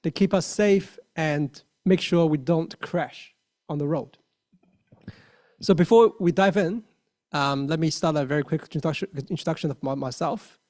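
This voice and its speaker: A Chinese man in his thirties, a lay Buddhist whose first language is Mandarin, speaks with a Mandarin accent in a slightly high, darkish voice at normal speed. He gives an earnest dharma talk full of fillers and restarts.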